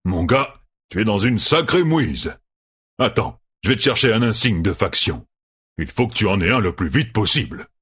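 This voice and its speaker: A man's voice: fairly low pitch, animated, normal speed, a bit bright, breathy edge, full character voice. A man voicing a burly, shrewd innkeeper with a falsely friendly, chummy manner. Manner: chummy, then scheming.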